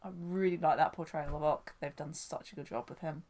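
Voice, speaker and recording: A woman's voice: sits low, steady tone, fairly quick, darkish tone. A woman hosting a casual podcast chat, talking in an enthusiastic, rambling way. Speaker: podcast host.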